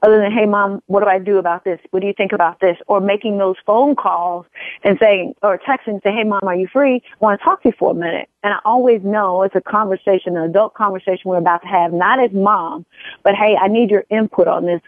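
A woman's voice: mid-range voice, a little fast, dry recording. A woman in her forties talking as a guest in an interview, earnest and repeating phrases for emphasis. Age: 40s. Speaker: guest, empowerment coach. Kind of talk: casual interview conversation. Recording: tinny phone line.

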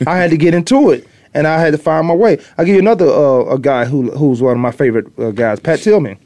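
Opinionated and rambling, the middle-aged Virginia man hosting this casual sports talk, once a pro defensive back on the US East Coast, keeps repeating himself for emphasis. His pitch is fairly high, his pace a little fast, his tone mellow, and the recording is dry.

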